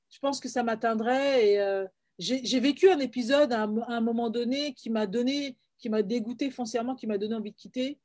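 A woman's voice: a little high, darkish tone. A middle-aged woman from Paris with a French accent, speaking earnestly and reflectively as an interview guest, with frequent hesitations and repeated words. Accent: French from France. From France, Paris. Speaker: guest, filmmaker and playwright. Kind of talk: personal testimony in an interview.

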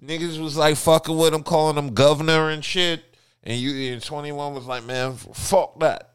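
A young adult man co-hosting a podcast in casual chat, telling stories in an animated, profane way. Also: fairly high pitch, normal speed, clean tone, dry recording, clean studio sound. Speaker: podcast co-host.

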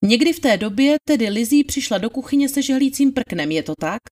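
A woman's voice: a little high, lively intonation, a little mellow, close to an everyday voice. A woman reading the part of a methodical male attorney questioning a witness, in a formal, probing manner. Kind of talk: dramatized trial testimony reading.

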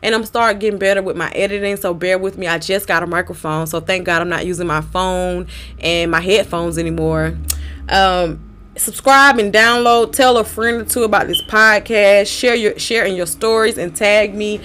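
A woman's voice: mid-range voice, normal speed, fairly bright tone, slight background noise. A woman hosting a casual devotional podcast, speaking in an encouraging, exhorting way to her listeners. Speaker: podcast host.

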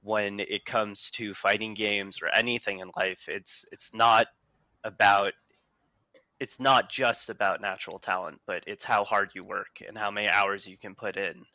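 A man in casual chat, speaking earnestly and haltingly. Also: fairly low pitch, fairly even intonation, sharp tone, no room sound, muffled recording. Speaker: guest player.

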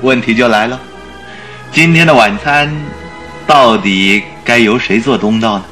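An actor playing Dr. Watson, a detective's genial companion, with animated good humour in a radio drama. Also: male voice, mid-range voice, measured pace, soft background music. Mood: teasing. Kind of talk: Mandarin radio drama acting.

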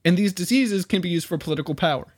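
A man's voice: high voice, fast talker, slightly rough, dry recording, clean studio sound. A man co-hosting a casual podcast, presenting ideas with playful, mock-serious earnestness. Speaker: podcast co-host presenting theories. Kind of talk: casual chat.

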